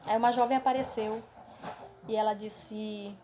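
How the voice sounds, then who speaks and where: A woman's voice: mid-range voice, steady tone, measured pace, mellow, slight background noise. A woman preacher earnestly recounting a dream vision as a testimony to her congregation, often calling them brothers. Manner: earnest and emotional, addresses listeners as brothers; tags many phrases with a questioning aside.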